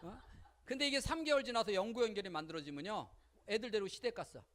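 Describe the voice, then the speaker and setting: A woman giving a lively seminar lecture on parenting, speaking colloquially, often asking the audience questions and acting out little quotes. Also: mid-range voice, fast. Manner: colloquial, with frequent rhetorical questions and acted-out quotes.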